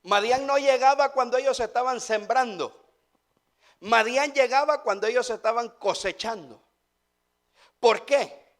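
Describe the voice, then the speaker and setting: A man's voice: very high-pitched, unhurried, pauses often. A man, a pastor preaching a sermon with rhetorical questions and repeated phrases.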